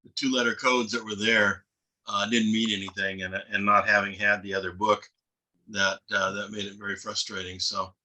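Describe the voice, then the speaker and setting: Male seminar participant, monotone but bright, halting delivery. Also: lowish voice, rough recording. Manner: halting, hesitant, frequent uhs. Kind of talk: casual discussion. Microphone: video call.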